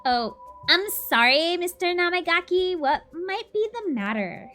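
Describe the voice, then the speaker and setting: A woman's voice: extremely high pitch, lively intonation, a little slow, sharp tone, faint music behind. A woman casually playing a game with a friend, reading character dialogue aloud in voices. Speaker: let's play co-host voicing game characters.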